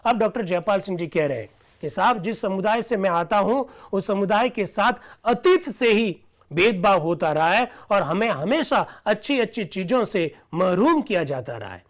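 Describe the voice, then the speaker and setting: A man's voice: high voice, animated, moderate pace. A man teaching an online class who reads out old debate records and explains them, often asking whether his listeners follow.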